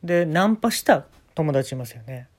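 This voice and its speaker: A young man with a Kansai accent hosting a casual talk show, telling absurd stories deadpan with sudden leaps in pitch. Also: normal speed. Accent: Kansai Japanese. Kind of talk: casual storytelling monologue.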